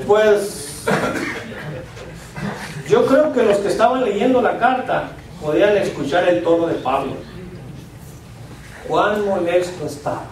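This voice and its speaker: High-voiced preacher in an echoey hall. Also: male voice, background noise. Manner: preaching with pauses, dropping his voice at line ends. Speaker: pastor. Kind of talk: sermon. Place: church hall. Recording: very echoey church hall from far off.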